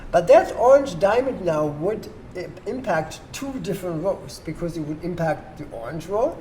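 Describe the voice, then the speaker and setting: Warm, expressive, and mid-range, the host's voice keeps a moderate pace as they patiently teach board game rules at a table. They check that players follow along, recorded in a noisy room with background ambience.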